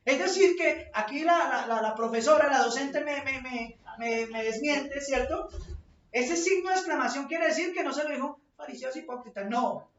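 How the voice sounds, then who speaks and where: A high-voiced woman preacher delivers a fervent sermon, her voice climbing to shouts when she quotes scripture. She sounds distant from the mic, caught in a roomy, echoey church with a dull, lo-fi sound. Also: moderate pace, a little hiss or hum. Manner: impassioned, rising to shouts when quoting scripture.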